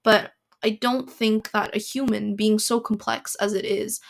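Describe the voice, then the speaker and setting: A woman's voice: medium pitch, fairly even intonation, a little slow, vocal fry. A young woman hosting her own podcast, chatting alone in a rambling, opinionated way with lots of restarts and fillers. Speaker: podcast host. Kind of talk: solo casual podcast chat.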